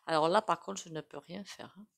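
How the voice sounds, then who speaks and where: Speaking fairly quickly, this tarot reader has a lowish, creaky voice with a fairly bright tone. With her regional French accent, she chats and rambles to camera during a casual reading, using lots of fillers and self-asides.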